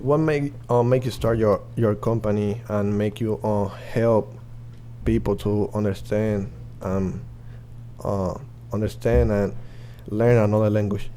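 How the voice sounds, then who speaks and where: A man's voice: lowish voice, steady tone, unhurried, dark tone, slight background noise. A young man hosting a student podcast, interviewing guests with a hesitant delivery full of filler sounds. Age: young adult. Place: media studio.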